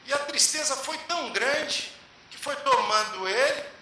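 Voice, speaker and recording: A man giving a spiritual lecture to a public meeting, telling a story with measured, emphatic pauses. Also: extremely high pitch, lively intonation, pushed and bright. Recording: echoey hall with faint hiss.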